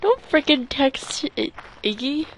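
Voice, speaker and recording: A woman's voice: high voice, sing-song, measured pace, noisy background. A young woman giving casual, rambling gameplay commentary, swearing often and talking to herself as she plays. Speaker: let's play gamer.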